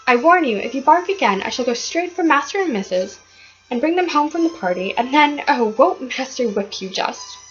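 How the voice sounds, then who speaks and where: A woman's voice: high-pitched, animated, moderate pace, muffled recording, soft background music. A woman doing a stern scolding nursemaid. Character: bossy young nursemaid, stern.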